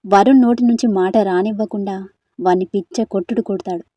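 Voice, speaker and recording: A woman narrating an audio drama story in a steady, expressive way. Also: medium pitch, fairly quick, dry recording.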